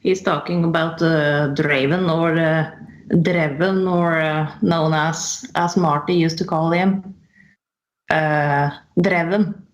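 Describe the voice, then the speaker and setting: A woman co-hosts a casual reaction stream, speaking slowly and somewhat low. She talks haltingly, full of fillers. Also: fairly even intonation, dull audio.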